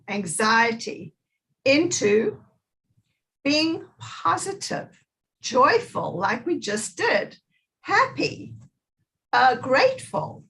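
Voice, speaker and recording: A woman giving an upbeat motivational talk, leading listeners in a gentle movement exercise with lively, repeated phrases. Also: fairly high pitch, rough recording. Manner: energetic, chanting repeated phrases. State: out of breath after moving.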